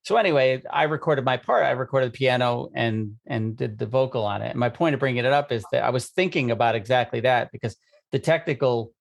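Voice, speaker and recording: Man with a gravelly voice. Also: medium pitch, fairly quick. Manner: musing, filler-heavy. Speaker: podcast co-host, musician. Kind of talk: casual conversation.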